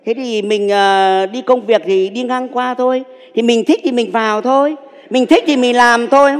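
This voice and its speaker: A man's voice: very high voice, normal speed, big-room sound. A man, playing a boastful, flirty suitor in his sixties in a stage comedy sketch. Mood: sly. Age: 60s. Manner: cheeky, suggestive banter. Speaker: comic actor.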